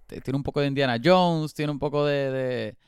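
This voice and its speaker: A man co-hosts a podcast, chatty and teasing as he weighs in on a movie. He mixes English into his freely. His voice comes across smooth and resonant, close and dry. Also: medium pitch, normal speed, no room sound. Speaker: podcast co-host. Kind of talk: casual film-review chat.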